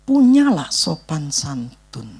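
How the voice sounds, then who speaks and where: A man's voice: on the high side, big pitch swings, slow, vocal fry, a little mellow, husky. A male pastor preaching a sermon in an emphatic, conversational way, leaning on casual tags. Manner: emphatic, conversational, repeats "gitu loh".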